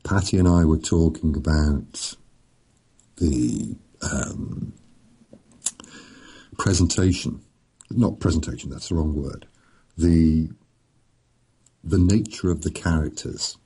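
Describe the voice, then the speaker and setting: A middle-aged man, an author, chatting casually in a slow, rambling, storytelling way with a chuckle here and there. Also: warm tone, low-quality recording. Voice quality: very deep gravelly voice. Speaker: author and podcast guest. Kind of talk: casual chat.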